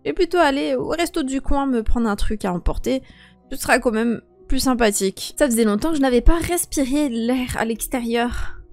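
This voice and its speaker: A woman's voice: sits high, moderate pace, a little mellow, soft background music. A woman voicing a young woman who has just turned eighteen, stammering and emotional as she talks to herself. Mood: anxious. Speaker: host and role-player. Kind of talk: game role-play voice acting.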